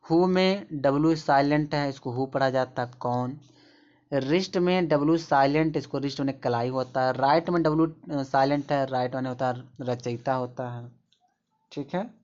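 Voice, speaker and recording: A man's voice: mid-range voice, normal speed, darkish tone. Man, pronunciation teacher, patient repetitive explaining, dull muffled recording. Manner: repetitive, pointing at examples. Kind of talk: explaining pronunciation rules in Hindi.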